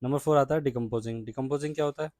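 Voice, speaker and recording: A man with an Indian accent teaching a science lesson to children, reading English lines slowly and then explaining them in Hindi, checking in often with "ठीक है?". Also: medium pitch, fairly even intonation, a little mellow, no room sound.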